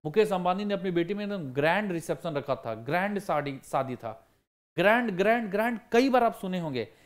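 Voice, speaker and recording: A man's voice: high-pitched, lively intonation, brisk. A man teaching vocabulary for exam prep, asking the class questions and answering them himself while repeating the key words. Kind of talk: online vocabulary lesson.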